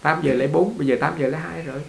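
A man's voice: on the high side, steady tone, racing, creaky, background noise. A man teaching as a Buddhist teacher in a conversational dharma talk, repeating words and laughing along with his listeners. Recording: echoey room.

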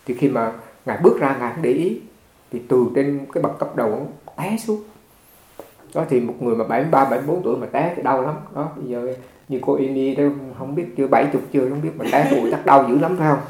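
A man's voice: medium pitch, fast. A man, a Buddhist monk, giving a conversational dharma talk full of stories and repeated words. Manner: conversational, repeats words, animated when retelling. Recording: echoey room.

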